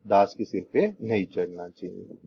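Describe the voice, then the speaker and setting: A man's voice: low-pitched, fairly even intonation, normal speed, creaky. A young man, teaching an exam-prep lesson with memory tricks, repeating points and asking rhetorical questions before answering them. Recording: dull lo-fi recording with faint noise.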